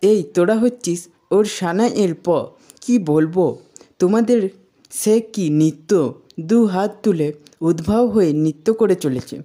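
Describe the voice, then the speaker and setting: A woman's voice: on the low side, measured pace, dark tone. A woman reading the lines of a cranky, agitated old uncle in a retold TV serial, scolding and alarmed.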